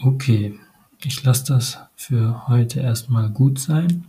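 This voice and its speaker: A man giving a meditative spiritual monologue, addressing the listener directly in short, halting phrases with frequent hesitations. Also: mid-range voice, mellow, low-quality recording.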